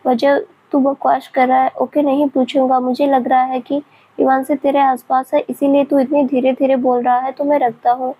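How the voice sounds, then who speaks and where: A woman's voice: high voice, flat delivery, normal speed, slightly rough, phone-quality sound. A woman reading the lines of a nosy, irritable young male friend who asks blunt, pestering questions. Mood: annoyed.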